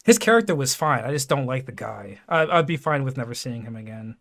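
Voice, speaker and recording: A man from New York co-hosting a casual podcast chat, animated and quick to laugh. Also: mid-range voice, gravelly. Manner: animated, excitable, laughs a lot. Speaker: podcast co-host.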